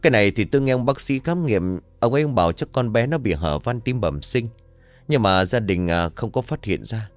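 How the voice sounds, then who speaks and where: A man voicing a calm village police chief delivering results in a measured, official tone. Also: medium pitch, no echo, faint music behind, close to an everyday voice. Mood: matter-of-fact.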